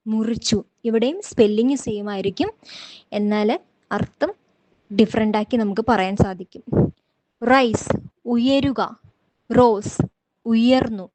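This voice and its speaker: A woman teaching a language lesson, reading word pairs slowly and deliberately one at a time for listeners to repeat. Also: fairly high pitch, a little mellow, poor audio. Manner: slow, deliberate, drills words one at a time. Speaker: English teacher. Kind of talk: slow drill lesson.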